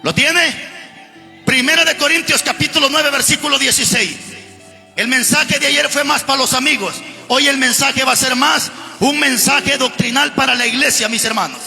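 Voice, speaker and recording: Fervent high-voiced preacher man, gravelly. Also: moderate pace. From Guatemala. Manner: fervent, emphatic preaching, often shouting. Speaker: pastor. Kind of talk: sermon. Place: church. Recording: long hall reverb with music behind.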